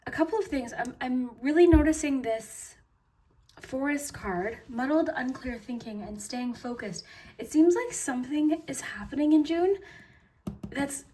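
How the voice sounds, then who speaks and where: A woman's voice: high voice, a little mellow, recorded from a distance, a little hiss or hum. A woman doing a pick-a-card tarot reading, chatty, full of fillers and restarts, and losing her voice. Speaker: tarot reader.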